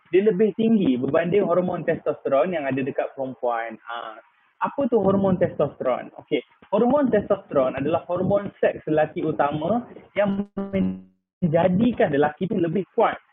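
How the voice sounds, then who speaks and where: Malaysian man in his thirties on a tinny line. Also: sits high. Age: 30s. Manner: chatty, many "ah" fillers, mixes in English words. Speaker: product presenter. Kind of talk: live online sales talk. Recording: tinny phone-like line with faint noise.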